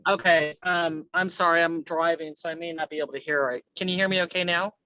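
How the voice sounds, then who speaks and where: Woman, caller, car speakerphone, breaking-up line, dry close sound, bright tone. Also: fairly low pitch, steady tone, fairly quick, dry recording, rough recording. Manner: polite, checking she can be heard. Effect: car speakerphone call that keeps breaking up. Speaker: caller, mobile notary. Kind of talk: casual call-in question. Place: moving car.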